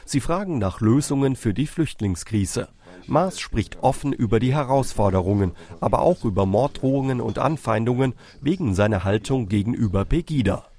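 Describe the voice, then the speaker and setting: Man reading a news voice-over. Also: medium pitch. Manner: even, measured voice-over delivery. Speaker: TV reporter. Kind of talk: scripted news narration.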